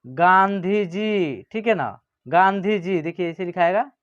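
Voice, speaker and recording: A man teaching a reading lesson who says each word slowly and twice, checking often that listeners follow. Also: high voice, lively intonation. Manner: often adds "ठीक है ना" and "समझ गए ना". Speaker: Hindi teacher. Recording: muffled lo-fi recording.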